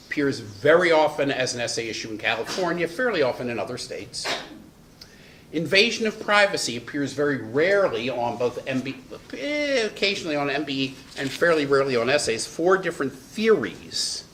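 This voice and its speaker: A man teaching a law lecture for bar exam prep, acting out examples with sudden dramatic jumps in pitch. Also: expressive, normal speed, fairly bright tone, slight background noise.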